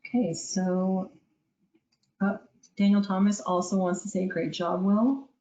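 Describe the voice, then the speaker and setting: A woman's voice: mid-range voice, steady tone, a little slow, mellow. A woman moderating an online conference session, reading out questions and thanking the speaker in an upbeat way. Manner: upbeat, brief interjections. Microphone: video call. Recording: roomy, dull call audio.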